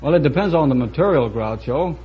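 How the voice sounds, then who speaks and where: A man, a quiz contestant, answering in a dry, measured way. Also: mid-range voice, lively intonation, husky. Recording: dull old broadcast, audience and hiss.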